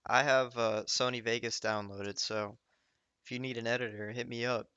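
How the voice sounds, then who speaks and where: A man's voice: mid-range voice, flat delivery, normal speed, pushed and bright, clear, resonant tone, no room sound. A man co-hosting a podcast in easygoing, supportive casual chat. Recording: dull, dry lo-fi sound.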